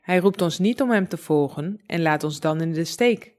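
A woman reading a devotional Bible story aloud in a calm, measured storytelling manner. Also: fairly low pitch. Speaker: narrator.

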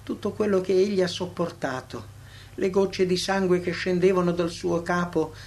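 A man reading a devotional text aloud as a narrator, solemn, with dramatic swells and hushed drops. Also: high voice, fairly even intonation, moderate pace.

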